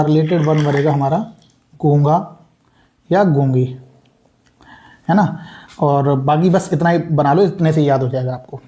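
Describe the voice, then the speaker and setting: A young man runs a casual exam-prep lesson built on memory tricks. He talks in a chatty, repetitive way and keeps calling his viewers brother. His voice sits a little high with a mellow tone. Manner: chatty, repeats words, addresses viewers as brother. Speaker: exam coaching teacher.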